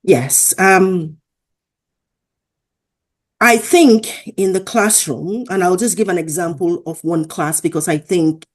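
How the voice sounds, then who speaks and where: A woman's voice: lowish voice, slow pace, pauses often. A woman from Africa, a professor and interview guest, talking earnestly and telling stories in a conversational way. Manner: earnest, acts out quoted dialogue.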